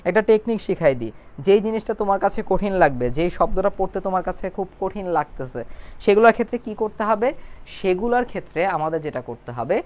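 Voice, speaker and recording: A young man teaching an online biology class, breaking hard terms into slow syllables and often checking that students follow. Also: sits high.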